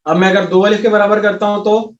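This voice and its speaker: A man teaching an Arabic recitation class, patiently repeating sounds slowly and quizzing his students. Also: high-pitched, level tone, faint music behind. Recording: echoey room, voice from a distance, dull sound.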